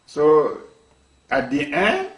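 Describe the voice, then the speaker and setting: A man's voice: a little high, wildly swooping pitch, very slow. A man from Congo, a university professor, speaking in an interview with emphatic repetitions and frequent restarts. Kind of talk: interview monologue. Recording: echoey room, mic at a distance.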